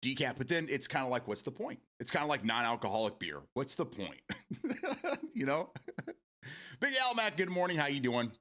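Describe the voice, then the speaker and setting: A man's voice: mid-range voice, big pitch swings, fast talker, few pauses, a bit bright. A man in his forties hosting a casual morning stream, rambling, repeating words and swearing casually as he answers viewer comments. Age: 40s.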